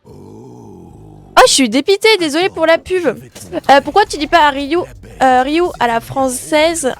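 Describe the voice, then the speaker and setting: Very high-voiced chatty woman streamer. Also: big pitch swings, measured pace, creaky. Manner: chatty, greets viewers by name, scattered self-corrections. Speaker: gaming streamer. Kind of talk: live stream chat with viewers. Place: her bedroom. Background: faint music.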